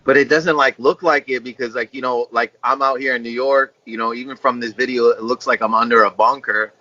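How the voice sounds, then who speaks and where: A man's voice: mid-range voice, steady tone, a little fast, bright, forceful tone. Teasing rambling man on a lo-fi call. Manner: rambling, teasing, heavy use of filler "like". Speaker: comedian. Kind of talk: comedic video-call banter. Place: indoor room at home.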